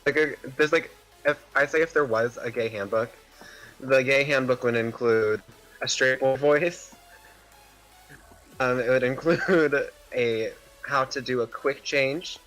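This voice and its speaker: A man's voice: medium pitch, unhurried, a bit bright, poor audio. Man, casual gaming chat, rambling, lots of fillers, faint music behind. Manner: chatty, rambling with many fillers. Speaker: gaming streamer.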